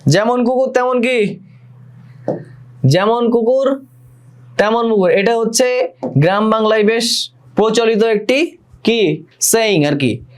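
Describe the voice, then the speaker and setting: A young man runs a live online exam-prep class. His voice sits high for a man. He fires the same question again and again, then answers it himself and reads out students' comments. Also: slow pace, pauses often. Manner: quizzing, repeats questions, reads viewer comments aloud. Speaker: admission test tutor.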